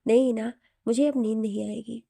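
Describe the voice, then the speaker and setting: A woman's voice: on the high side, fairly even intonation, brisk, gravelly, warm tone, no echo, studio quality. A woman voicing a playful, affectionate young husband who teases and coaxes his wife in an audio story. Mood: teasing. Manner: teasing, coaxing.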